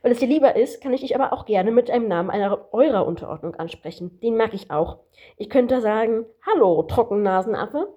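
A woman's voice: fairly high pitch, animated, dark tone, lo-fi sound. A woman voicing a cheeky, lecturing male kangaroo in an amateur audiobook reading. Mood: smug teasing. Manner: smug, lecturing, quick-witted.

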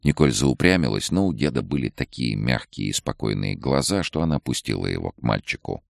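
A man narrating an audiobook in a very low, gravelly voice. His reading rises and falls a lot for expression. The recording is dry and close. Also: lively intonation, a little fast, no room sound.

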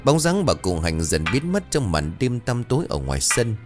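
A man's voice: mid-range voice, sing-song, moderate pace, over music. A man narrating a scripted horror story in a dramatic, suspenseful way.

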